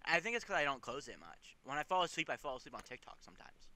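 A man's voice: a little high, big pitch swings, fast, sharp tone. A teenage boy co-hosting a podcast, laid-back and asking his friends questions. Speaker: podcast co-host. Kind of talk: casual chat.

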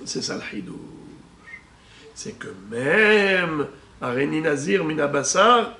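A man, a rabbi, teaching a Talmud lesson, slowly reading out Hebrew and Aramaic terms and explaining each one. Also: a little high, expressive. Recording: echoey room with faint ambient noise.

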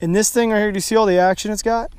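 A young man from Texas in a kayak on an open lake, talking excitedly to viewers as he fishes, recorded on a head-mounted action camera. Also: high voice, rapid-fire, clear, resonant tone, dry recording. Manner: excitable, talks to viewers while fishing. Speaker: fishing vlogger. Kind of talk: casual first-person fishing commentary.

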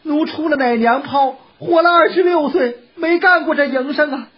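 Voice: high voice, moderate pace, slight background noise, pitched above the performer's own voice, close to an everyday voice. A storyteller voicing a young concubine with a wheedling, sobbing manner, in a dull lo-fi recording. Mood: coaxing. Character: pleading young concubine, tearful and coaxing.

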